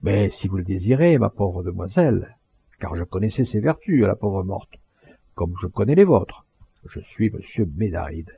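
A man's voice: sits low, very animated, normal speed, creaky, slightly rough, dry recording, exaggerated voice. A man voicing a pompous, talkative townsman who gives grandiloquent funeral speeches, in a dull lo-fi recording. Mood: earnest.

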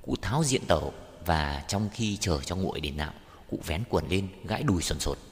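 A man narrating a short story for an audiobook in a measured, unhurried way. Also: low voice, animated, long reverb tail.

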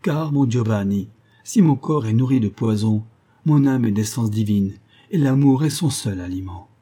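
Male reader voicing a frightened young woman, tender, pleading, dark husky timbre. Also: lowish voice, normal speed, natural voice.

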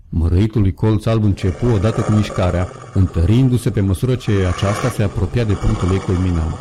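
A man narrating an audiobook in a measured, dramatic manner. His voice is on the low side. Faint ambient sound effects run underneath. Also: noisy background.

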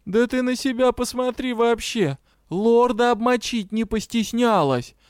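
A man's voice: on the high side, a little slow, darkish tone, clear, resonant tone, no echo, studio quality, close to an everyday voice. A man playing a brash, teasing dragon. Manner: brash, teasing, mock-indignant. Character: cheeky male dragon, teasing and shameless.

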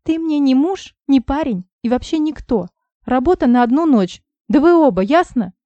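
A woman voicing a sharp-tongued, furious young woman who snaps in shrill, indignant outbursts, recorded dry and slightly dull. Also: lively intonation, moderate pace, dry recording, close to an everyday voice.

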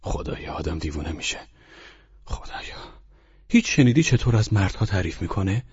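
A man voicing an agitated middle-aged man who rants bitterly and exasperatedly about his wife, pitched well above his own voice. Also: sing-song, a little mellow, breathy edge, muffled recording, exaggerated voice. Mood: bitter ranting. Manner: bitter, exasperated, rising outbursts.

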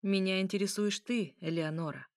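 A woman reading aloud voices a male vampire who speaks calmly and coolly, with a gently mocking edge. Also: medium pitch, moderate pace, no echo, clean studio sound, natural voice. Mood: tender. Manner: calm, cool, gently mocking. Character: smooth, calm, teasing male vampire.

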